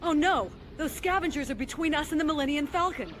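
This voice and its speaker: An actress playing a brave, determined rebel princess in a sci-fi audio drama, earnest and urgent. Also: female voice, high-pitched, lively intonation, a little fast, fairly bright tone, slight background noise. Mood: alarmed.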